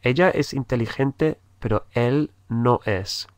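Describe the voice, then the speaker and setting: Male tutor, middle pitch, unhurried, repeats every example. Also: no echo. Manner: patient, repeats phrases and spells letters aloud. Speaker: English teacher. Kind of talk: slow spoken language lesson.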